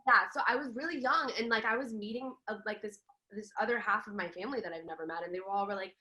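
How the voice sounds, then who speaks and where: A young woman from Los Angeles who spoke Farsi first is a podcast guest in a casual chat. She talks fast in a bright, forceful, mid-range voice, laughing often and filling her speech with fillers and restarts.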